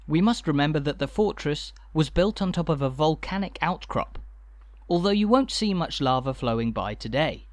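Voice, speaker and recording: A man's voice: on the high side, no room sound. Man narrating a scripted walking tour. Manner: measured, informative, light dry humour.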